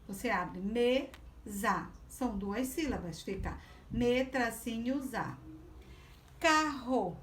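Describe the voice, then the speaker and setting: A woman's voice: fairly high pitch, a little hiss or hum. A woman from Brazil teaching a class, explaining patiently and step by step. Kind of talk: remote class lesson.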